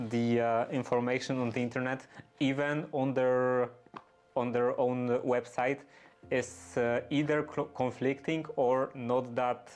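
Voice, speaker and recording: A man chatting casually and unscripted, halting and often searching for his words. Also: mid-range voice, darkish tone. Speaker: streamer doing workshop restoration.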